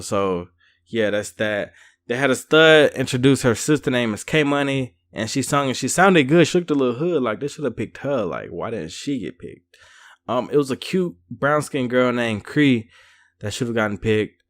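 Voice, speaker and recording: A man's voice: medium pitch, a bit bright. A young man giving a casual, slangy review of a reality show, filling his talk with "like" and "um" and dropping to a mumble for asides. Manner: chatty, slangy, lots of "like" and "um". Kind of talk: casual commentary.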